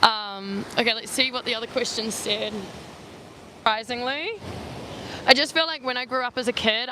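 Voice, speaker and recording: A travel vlogger in her twenties with a New Zealand accent chats on a phone livestream outdoors on a beach promenade, answering viewer questions. Her high-ish voice sounds pushed and bright, she fills her talk with "like," and she's sweaty and squinting in the sun. Faint street and traffic noise runs in the background.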